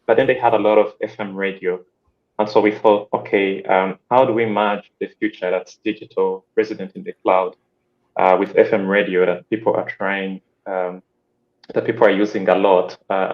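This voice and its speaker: A man from Uganda, explaining his project as a panel guest over a video call, with frequent "um". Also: fairly low pitch. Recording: dull lo-fi call audio.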